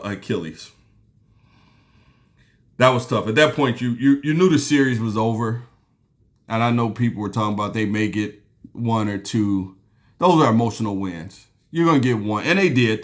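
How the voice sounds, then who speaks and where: A medium-pitched man hosts a solo basketball podcast, talking about sports in a loose, easygoing ramble. He says um a lot and keeps restarting his sentences while drinking a beer.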